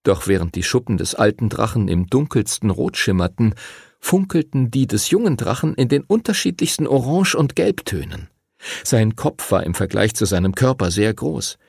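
A man narrating a fantasy audiobook with a husky, gravelly voice and a lively, expressive delivery. The recording is close and dry. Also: fairly low pitch, normal speed, no room sound. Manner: expressive, storytelling.

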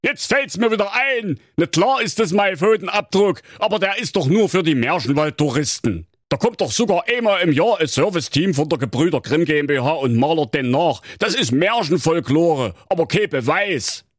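A man's voice: a little high, lively intonation, moderate pace, hardly any pauses, no echo, clean studio sound, pitched above the performer's own voice. A man voicing a sly, defensive male wolf suspect who blusters and waves off blame. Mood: blustering. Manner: blustering, dismissive.

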